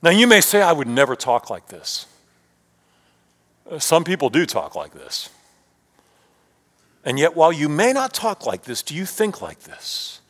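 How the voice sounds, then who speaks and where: A man delivering a sermon in a high, lively voice that climbs and falls, sometimes sinking nearly to a whisper. He speaks in rhetorical questions. His words ring out with a long reverb, as in a large hall. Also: normal speed. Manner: rhetorical questions, rising and dropping to near whisper. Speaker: preacher.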